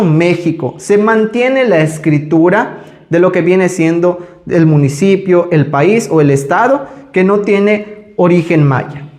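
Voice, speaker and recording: A man teaching a language lesson, speaking slowly and carefully when he pronounces each example. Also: high-pitched. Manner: slow, careful pronunciation of examples. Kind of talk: scripted lesson.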